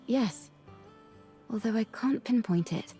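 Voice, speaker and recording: A woman's voice: fairly high pitch, slow pace, warm tone, faint music behind. Cool, mysterious swordswoman. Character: cool, mysterious blade-wielding woman. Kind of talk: game voice acting.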